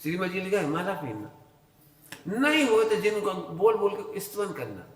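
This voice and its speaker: A Jain preacher gives a religious discourse in a high, sing-song voice at normal speed, telling stories and acting out their dialogue. The recording has echoey hall reverb and faint ambience.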